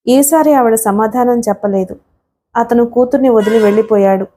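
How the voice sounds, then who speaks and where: A woman reads a novel aloud as an audiobook narrator. Her voice sits a little high but has a dark, mellow tone. She keeps a steady storytelling pace and voices the characters' lines in her own voice. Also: moderate pace, a little hiss or hum.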